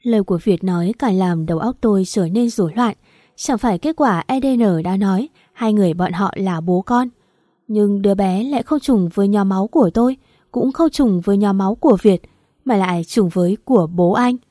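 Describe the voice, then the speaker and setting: A woman reading a first-person story aloud in an even, steady narration. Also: medium pitch, a little fast, no room sound, studio quality.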